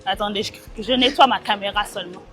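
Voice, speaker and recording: Speaking fast in a mid-range, slightly bright voice, a young woman from France chats about her outfit into a small mic, with faint music behind her. The casual vlog moves from her home, where she gets ready, out to the street and metro. She mixes English into her French, keeps up the chatter, and pokes fun at herself with laughter.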